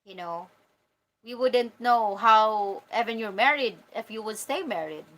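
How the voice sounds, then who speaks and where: Poor audio captures a woman from the Philippines reading and answering live chat, casual and direct with viewers. She speaks a little high, with lively intonation, a measured pace and a fairly bright tone.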